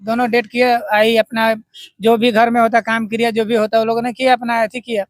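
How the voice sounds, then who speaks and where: A man from Bihar speaks in a notably high voice, telling his story in plain, repetitive, earnest words. The sound is dry and close. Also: flat delivery, a little fast, dry recording. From Bihar, India. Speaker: husband of missing woman, interviewee. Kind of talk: street interview.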